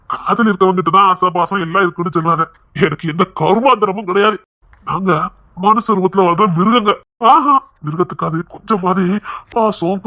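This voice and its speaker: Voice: pushed and bright, dry recording, lightly acted. A performer doing Jayaraj, a menacing interrogator. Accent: Tirunelveli Tamil. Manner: threatening, slow and low. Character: ruthless male interrogator, cold and menacing. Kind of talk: comic fan dub of a TV serial.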